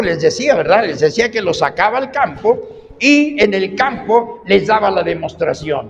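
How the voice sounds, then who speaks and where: High-voiced animated male preacher. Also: a little hiss or hum. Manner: animated, repetitive, swings between loud and hushed. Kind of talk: sermon. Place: church. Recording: reverberant hall, faint music.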